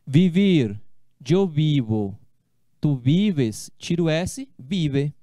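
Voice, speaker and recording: A man teaching a language class, explaining slowly and repeating each step, with casual friendly asides to his students. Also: on the high side, animated, warm tone, dry recording, studio quality. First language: Portuguese. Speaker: Spanish teacher. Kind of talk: online class lecture.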